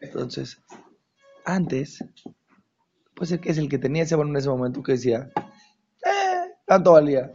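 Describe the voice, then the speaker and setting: A man teaching a religious lesson to an audience, stressing his points by repeating phrases and dropping into hushed asides. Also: medium pitch, moderate pace, vocal fry, pauses often, faint music behind. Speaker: Torah teacher. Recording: dull lo-fi recording.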